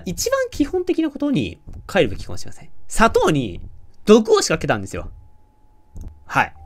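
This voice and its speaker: Animated Kansai-accented game streamer. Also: male voice, fairly high pitch. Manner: playful, animated, jokes with the game and often laughs. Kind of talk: let's-play commentary reading character lines.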